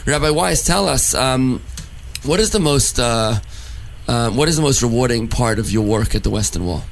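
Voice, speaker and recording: A man hosting a radio talk show as a rabbi, chatty and quick, with many restarts. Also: medium pitch, expressive, vocal fry, slight background noise. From United States.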